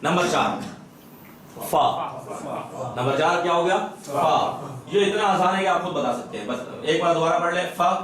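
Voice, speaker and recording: A man teaching Quran recitation in a madrassa classroom. He quizzes students over and over and slowly demonstrates each sound. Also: a little high, a crowd in the background. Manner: drills students with repeated questions and slow sound demonstrations. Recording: echoey classroom from far off.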